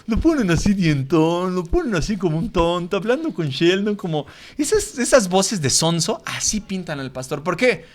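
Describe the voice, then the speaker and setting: A man's voice: high voice, sing-song, normal speed, hardly any pauses. A man teaching a Bible class as a pastor, emphatic and scolding, full of rhetorical questions. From Mexico. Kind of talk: sermon-style Bible lesson.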